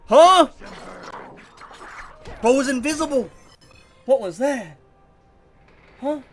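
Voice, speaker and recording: Soft music plays behind this young man, a gaming YouTuber with a very high, congested and nasal voice. He takes his time as he casually narrates his own play, animated and puzzled, drifting from thought to thought.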